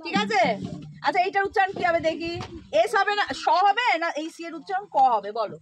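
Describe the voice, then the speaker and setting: A woman's voice: very high voice, very animated, fairly quick, noisy background. A woman teaching a classroom phonics lesson, quizzing the children with repeated questions and prompts.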